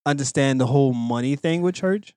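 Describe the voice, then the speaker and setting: A man's voice: medium pitch, brisk, dark tone, no room sound, studio quality. A young adult man co-hosting a podcast, telling jokey, profane stories in casual slang. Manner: joking, profane storytelling with slang. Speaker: podcast co-host. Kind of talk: casual chat.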